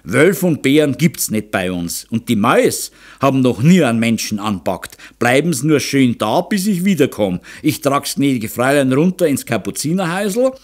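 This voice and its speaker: A man's voice: medium pitch, very animated, moderate pace, few pauses. A man voicing a cheerful young male mountain hunter in a Bavarian accent, hearty and reassuring in folksy dialect, for an audiobook. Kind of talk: audiobook character voice.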